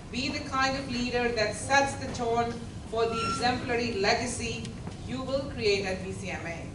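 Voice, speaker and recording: A woman speaking as a school principal, giving a formal, measured speech at a ceremony. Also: medium pitch. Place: large room at a school ceremony, distant mic. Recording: echoey, noisy hall from far off.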